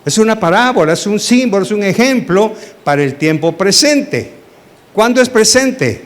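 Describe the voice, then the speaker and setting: A high-voiced male pastor, speaking at a moderate pace, brings a Bible study sermon to life by acting out dialogue and quizzing the congregation. His manner is animated throughout.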